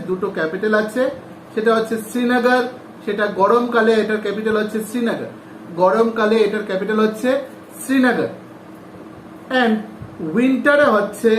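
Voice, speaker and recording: A male teacher giving a class lesson, who repeats each name, spells it out letter by letter and asks the class questions. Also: high voice. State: sweating. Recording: echoey room, faint noise.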